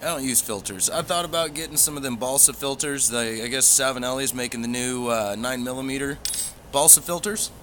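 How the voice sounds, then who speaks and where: A man's voice: mid-range voice, fairly quick, fairly bright tone, a little hiss or hum. A man chatting casually to a livestream as a pipe hobby vlogger, in a rambling, easygoing way with folksy phrasing.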